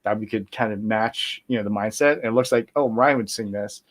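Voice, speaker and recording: Speaking a little fast with a lowish pitch, this middle-aged man appears as a guest musician in a laid-back interview. He wanders loosely through his answers, using lots of fillers and starting over often.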